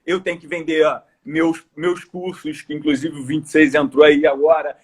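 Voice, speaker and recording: A man's voice: a little high, flat delivery, moderate pace, slightly rough. A man with a Brazilian Portuguese accent, a coach talking earnestly and emphatically on a podcast, repeating phrases for stress. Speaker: coach and course speaker. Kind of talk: casual podcast conversation.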